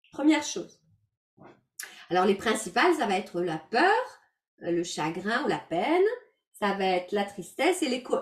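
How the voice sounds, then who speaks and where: A woman working as a life coach, teaching an online workshop in an explanatory, gentle way with many filler words, heard over a video call. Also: mid-range voice, recorded from a distance. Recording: roomy sound from away from the mic.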